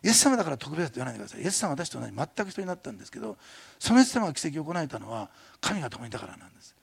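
Gravelly, husky older male pastor. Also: on the high side, racing. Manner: chatty, animated, frequent tag questions and laughs. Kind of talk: sermon.

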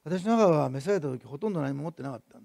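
A man preaching a sermon as pastor, building to loud emphatic repetition and then dropping to soft asides. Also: on the high side, lively intonation, rapid-fire, gravelly, no echo, studio quality.

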